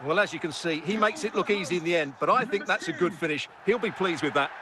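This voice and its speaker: A male co-commentator in a football match, recorded in a studio and played back from a game. His voice sits high. He takes his time and sums up each play in a calm, measured way. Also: noisy background. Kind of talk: sports analysis.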